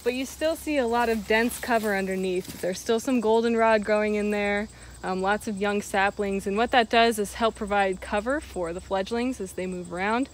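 A woman in her thirties, a wildlife biologist, explaining forest habitat outdoors in a steady, explanatory way, with a clip-on mic. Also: mid-range voice, moderate pace, poor audio. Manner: steady, explanatory, walking and pointing at plants. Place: forest clearing and woodland, outdoors.

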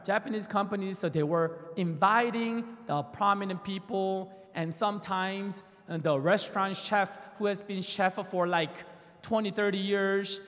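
A man's voice: sits high, steady tone, moderate pace, fairly bright tone. A man preaching a sermon in short phrases through an interpreter, calling on the congregation to answer and repeat after him, on a church stage with a handheld mic. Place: large church stage, indoors. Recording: reverberant hall.

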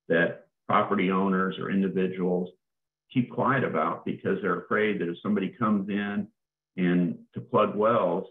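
Man, very low voice, webinar presenter, phone-like remote audio. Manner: conversational, repeats words as he goes. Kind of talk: presenting a talk. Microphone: remote call. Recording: tinny phone-like call audio.

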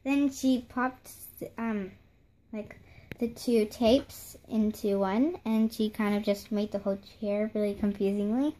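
A young girl rambles through a show-and-tell of the handmade doll house her mom built, full of fillers and restarts. Her mid-range voice is mellow, unhurried and fairly even in intonation. She films on a phone held close at home beside the doll house, hands in frame.

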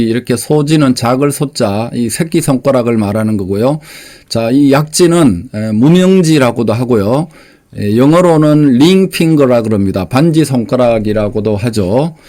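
Plain-spoken man hosting a quiz. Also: mid-range voice. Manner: plain, unpolished delivery with many fillers; steady step-by-step explaining. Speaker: quiz host. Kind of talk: quiz with short explanations.

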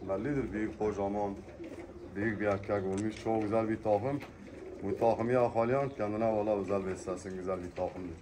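A man's voice: fairly low pitch, steady tone, moderate pace. A man casually presenting birds at a live auction, chatting and often echoing what he is told. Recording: noisy, distant mic, cooing pigeons. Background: pigeons cooing, birds, clicks.

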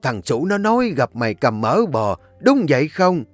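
A man's voice: mid-range voice, sing-song, moderate pace, no room sound, soft background music, pitched above the performer's own voice. A man voicing a domineering older mistress of a rich house who scolds harshly. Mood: scolding.

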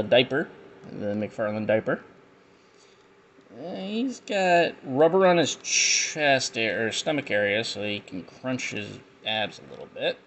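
A man giving rambling, jokey commentary as he unboxes and reviews action figures. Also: mid-range voice. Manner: rambling, jokey, with frequent fillers. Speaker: toy reviewer.

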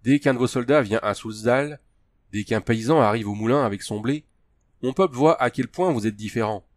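A man reading the lines of a solemn male peasant elder in an audiobook, speaking in a level, measured tone. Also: mid-range voice, no echo, voice pushed up, lightly acted. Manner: even, measured.

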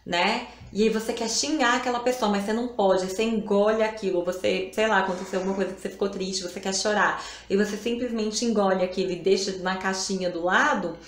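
A woman, hosting a live stream and talking about emotions in a casual, reflective way, often adding little tag questions. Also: medium pitch. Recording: roomy echo.

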